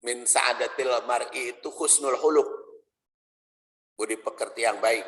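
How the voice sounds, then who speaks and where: A man with a Sundanese accent, preaching a dawn study sermon and explaining slowly, stressing repeated phrases. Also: mid-range voice, a bit bright. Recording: long hall reverb.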